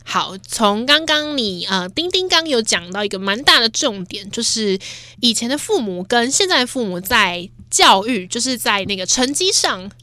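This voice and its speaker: A woman hosting a relaxed radio chat. Her voice is bright and fairly high, with a lively, swinging pitch. She talks readily and laughs often. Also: moderate pace, no echo. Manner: chatty, laughs often, frequent fillers. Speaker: radio host. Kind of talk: casual chat.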